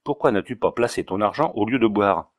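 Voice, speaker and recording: A man's voice: lowish voice, lively intonation, brisk, no room sound, lightly acted. A man playing a scolding, pompous doctor. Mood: indignant. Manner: stern, rhetorical scolding. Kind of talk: audiobook reading.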